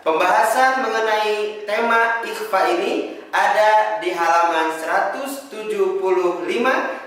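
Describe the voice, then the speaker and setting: High-voiced Indonesian man over-enunciating in heavy echo. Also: fairly bright tone. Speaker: Quran reading teacher. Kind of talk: instructional lesson with chanted examples. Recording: very echoey room, distant microphone.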